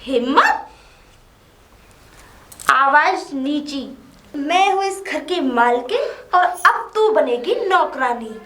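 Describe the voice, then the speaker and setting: A woman playing a scheming first wife who mocks her rival. Her voice is very high and bright. It rings in a roomy space. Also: lively intonation, takes it slowly, pauses often, heavily acted. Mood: taunting. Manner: taunting, mocking. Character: scheming young wife, taunting and bossy. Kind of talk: low-budget Hindi drama acting. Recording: echoey room.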